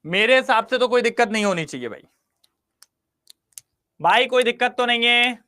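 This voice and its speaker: A man's voice: very high-pitched, expressive, moderate pace, bright, forceful tone, smooth. A man teaching chemistry in an online class, constantly quizzing his students and coaxing them to answer.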